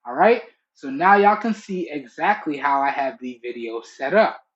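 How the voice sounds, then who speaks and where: A man's voice: on the high side, animated, normal speed. A young man talking casually and emphatically to camera as a product reviewer, checking in often, recorded through a Bluetooth earbud microphone. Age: young adult. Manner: chatty, emphatic, checking in with "okay" and "all right". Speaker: tech reviewer and channel host. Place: small room indoors. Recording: muffled lo-fi Bluetooth headset mic.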